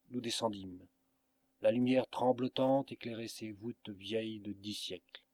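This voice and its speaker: Guy reading an audiobook, lowish voice, dry close sound, steady and dramatic. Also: no echo. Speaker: audiobook reader. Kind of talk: scripted storybook narration.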